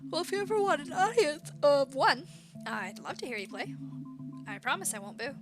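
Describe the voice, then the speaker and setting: A woman voicing an eager, bubbly young woman in a high, pleading, excitable voice. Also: normal speed, music in the background.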